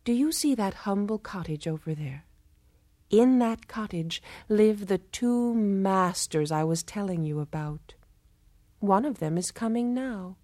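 A woman voicing a bold young woman who playfully scolds a strongman, brisk and teasing. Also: mid-range voice, lively intonation, dark tone, no room sound, clean studio sound, close to an everyday voice. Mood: hushed.

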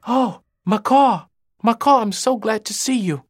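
A man's voice: sits high, a little slow, no echo, studio quality, voice pushed up. A man voicing a scared lost boy in a storybook tale, pleading and stumbling over his words. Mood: pleading frightened.

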